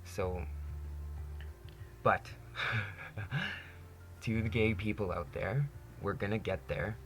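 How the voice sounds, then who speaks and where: A man's voice: on the low side, expressive, takes it slowly, slight background noise. A young man in his twenties from Canada, speaking candidly to camera in a personal monologue, earnest and peppered with "you know". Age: 20s. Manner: earnest, candid, says "you know" constantly, laughs often. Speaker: vlogger.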